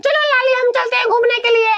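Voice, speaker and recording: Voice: extremely high pitch, little pitch movement, fast talker, highs cut off. A performer voicing jealous male cartoon vegetables who boast and trade insults over a tomato in a comedy cartoon. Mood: quarrelsome. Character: squeaky jealous male vegetable lovers, bickering.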